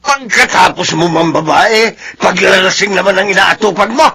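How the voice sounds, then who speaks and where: An actor playing an angry older father-in-law in a radio drama, speaking with a raspy voice. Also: high voice, moderate pace, bright, forceful tone, full character voice. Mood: scolding.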